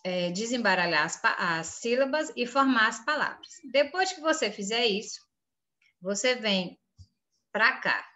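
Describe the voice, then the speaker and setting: A woman's voice: a little high, lively intonation, measured pace, pushed and bright. A woman teacher with a Brazilian Portuguese accent, reading through an exam and firmly urging her pupils not to make mistakes.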